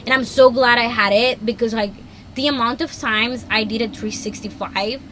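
A young woman hosting a casual solo podcast, chatty and excitable, filling her talk with "like". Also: fairly high pitch, moderate pace, slight background noise, low-quality recording. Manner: chatty, many "like" fillers, excitable. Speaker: podcast host.

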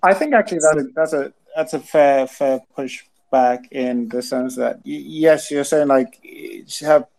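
A man's voice: mid-range voice, unhurried, gravelly, few pauses, darkish tone, low-quality recording. Man stammering through film talk. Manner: stammering restarts, thinks aloud. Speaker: podcast co-host. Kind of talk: casual film discussion.

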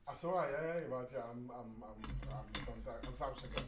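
Low-pitched woman, hesitant joker, roomy echo, crowd noise. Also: moderate pace. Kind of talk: casual tipsy chat.

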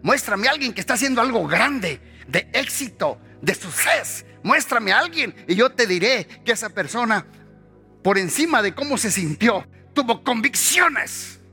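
A man preaching a sermon with passion, repeating phrases and climbing in pitch as he acts out quoted voices. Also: very animated, moderate pace, sharp tone, breathy edge, faint music behind. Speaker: pastor.

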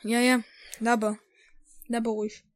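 A woman playing a cocky eighth-grade boy, all street slang and mangled grammar, bored and rude in a comedy role-play. The voice sits very high and sounds close and dry. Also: little pitch movement, moderate pace, dry recording, lightly acted. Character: cheeky slang-talking male eighth-grade pupil.

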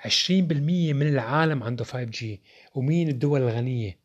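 A man's voice: medium pitch, fast, breathy edge, dull audio. A young man with a Levantine Arabic accent, giving his opinions on phones in casual, rhetorical talk that speaks straight to viewers. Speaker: tech reviewer.

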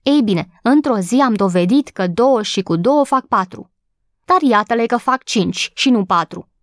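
A high, breathless young maid who bursts with gossip and flares up quickly, as a woman reading the story puts her on. Her voice leaps up in pitch and pushes louder, full of eager indignation. The sound is dry and close to the mic. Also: animated, no room sound, lightly acted. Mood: excited. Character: excitable young housemaid, gossipy and quick-tempered. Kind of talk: audiobook character voice.

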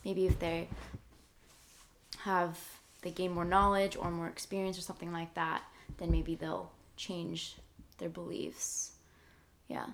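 A young woman from Canada chatting casually, slow and thoughtful with many fillers. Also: fairly low pitch, level tone, vocal fry, a little hiss or hum. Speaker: conversation card game player. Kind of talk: casual chat.

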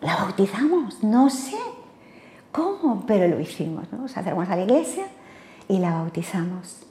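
A woman's voice: mid-range voice, sing-song, normal speed, mellow, roomy sound, slight background noise. An older woman from Spain, giving a personal faith testimony as an interview guest, talking hesitantly with many fillers and tag questions.

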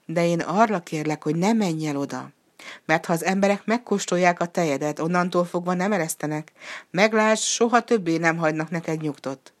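A woman voicing a calm, knowing young boy in a storybook who earnestly warns the animals. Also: on the low side, natural voice. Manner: earnest, warning.

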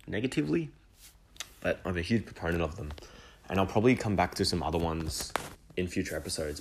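A man's voice: sits low, slight background noise. A man hosting an education podcast alone, talking enthusiastically and rambling with restarts and asides. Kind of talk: solo podcast monologue.

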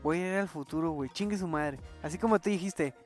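A woman's voice: fairly low pitch, fast talker, darkish tone, soft background music. A young woman with a Mexican accent chatting casually, full of street slang and swearing. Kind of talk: casual chat.

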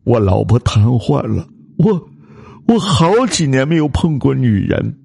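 A broken, guilt-ridden middle-aged driver, as a man acts him out in a spoken ghost story, stammering and sobbing. His voice is strained well above the man's own, with a raw, gravelly rasp. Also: medium pitch, very animated, a little slow, mellow, dry recording, clean studio sound, voice pushed up, heavily acted. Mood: sobbing confession.

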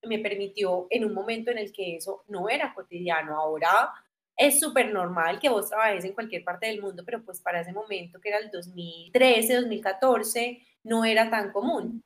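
Animated woman with a Medellín accent. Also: mid-range voice, normal speed. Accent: Medellín Colombian Spanish. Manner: animated, acts out quoted voices. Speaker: guest. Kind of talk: casual storytelling interview.

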